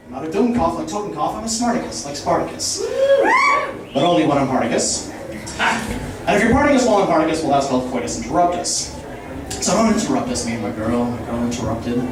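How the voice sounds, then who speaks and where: A man performing an escalating stand-up comedy rant, theatrically rambling through chains of wordplay and rhyme, recorded live. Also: a little high. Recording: very echoey room, distant mic, clear noise.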